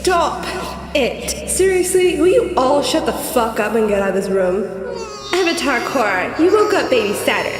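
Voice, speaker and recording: A woman's voice: high voice, sing-song, moderate pace. A woman voicing a scheming female villain who bosses people around with exasperated outbursts, heard in an echoey room with music. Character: scheming female villain mastermind, ill-tempered. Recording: roomy echo with music behind.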